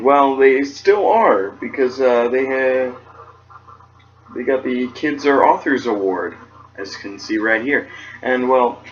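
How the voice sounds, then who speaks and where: A man's voice: mid-range voice, dull audio. A teenage young man from California reading a children's book aloud, with dry, self-mocking asides. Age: late teens.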